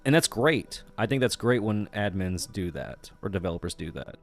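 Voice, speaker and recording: A man's voice: fairly low pitch, big pitch swings, normal speed, faint music behind. A man hosting a casual live-stream chat, reading viewer comments aloud in an easygoing way with plenty of fillers. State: still waking up.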